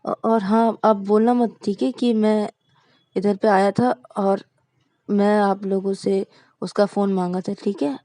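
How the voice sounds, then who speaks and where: A woman voicing a hot-tempered, scheming young man who speaks in loud exclamations. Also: medium pitch, fairly even intonation, a little slow, no echo, close to an everyday voice. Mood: pleading.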